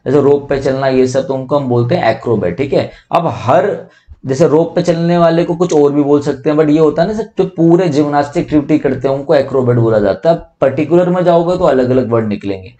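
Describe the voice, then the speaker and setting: A young man teaching English vocabulary for exam prep. He explains in Hindi with English terms mixed in, reads definitions slowly, spells words out letter by letter and asks rhetorical questions. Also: on the high side, mellow.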